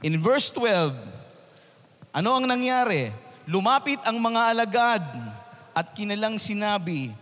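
A man preaching as a pastor, mixing Tagalog and English and swinging between loud, emphatic preaching and quiet asides. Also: sits high, animated, a little slow, pauses often, in a large hall. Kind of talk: sermon.

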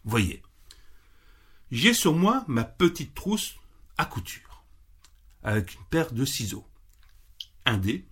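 A man's voice: medium pitch, big pitch swings, takes it slowly, pauses often, fairly bright tone, husky, heavily acted. A man voicing a kind, hardworking little hen in a children's story, patient and cheerful. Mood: reassuring.

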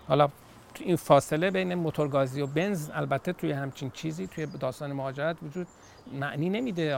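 A man's voice: sits high, gravelly. A middle-aged man, an immigration consultant, patiently answering viewer questions with everyday analogies and frequent hesitations. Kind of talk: call-in style Q&A, explaining.

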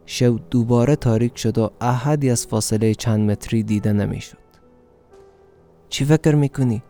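Narrator: a man with an Afghan Dari accent and a very dark, mellow voice, reading steadily over faint music. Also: lowish voice, steady tone. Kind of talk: radio story reading.

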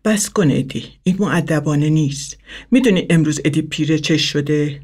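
A man's voice: a little high, a little mellow, breathy edge. Old woman in a rocking chair, voiced by a male narrator, sugary kindness with a threat under it. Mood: chiding. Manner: falsely kind, whispering.

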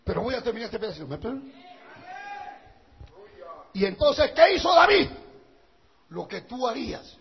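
A male pastor preaching a sermon with passion, swinging from quiet talk to shouting. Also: very high voice, sing-song, moderate pace, creaky, pauses often, slight background noise. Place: church hall. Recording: dull lo-fi church recording with long reverb.

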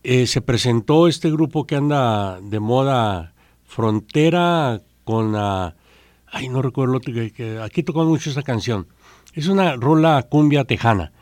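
A man's voice: mid-range voice, lively intonation, a little slow, darkish tone, no echo, studio quality. A man co-hosting a podcast, chatting in an opinionated way with lots of fillers and repeated no's. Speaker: podcast co-host. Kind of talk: casual chat.

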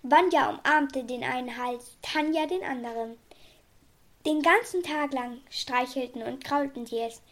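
A woman reading a children's story aloud in a calm, even storytelling manner. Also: high voice, measured pace. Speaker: narrator.

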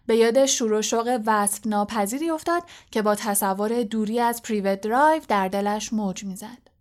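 A woman narrating an audiobook in a measured, storytelling manner. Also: mid-range voice. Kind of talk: scripted narration.

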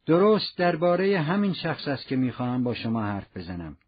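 A man voicing a weary fugitive who pleads in a low, earnest voice. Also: sing-song, husky. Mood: pleading. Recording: muffled lo-fi recording.

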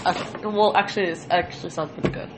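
A woman's voice: on the low side, steady tone, fast. Woman podcast co-host, casual and teasing, swears freely; heard a bit far from an open mic with faint noise. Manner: foul-mouthed, teasing. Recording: distant open mic, noisy background.

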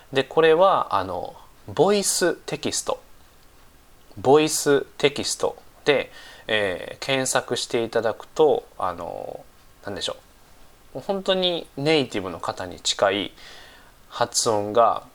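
A man teaching English in a casual lesson, slightly stuffy-nosed from a cold, speaking unhurriedly with many fillers and repeating phrases slowly. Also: mid-range voice.

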